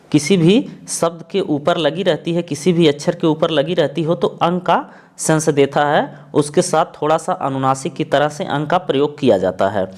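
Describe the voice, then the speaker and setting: A man teaching a lesson, explaining patiently and repeating each point while he spells out letters slowly. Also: a little high, darkish tone.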